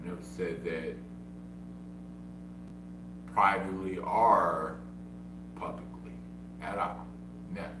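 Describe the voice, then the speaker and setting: A stuttering streamer talks slowly and insistently in a deep voice with fairly even intonation, giving a casual livestream monologue. His manner is repetitive and defensive. The audio is echoey and humming, picked up from far away.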